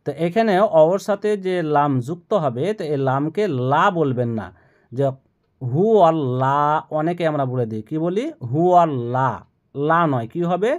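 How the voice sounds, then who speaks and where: A man's voice: on the high side, animated, a little mellow. A man giving a Quran pronunciation lesson, explaining the rules patiently and repeating each phrase so learners can follow along. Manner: slow, drawn-out melodic recitation of verses. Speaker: Quran recitation teacher.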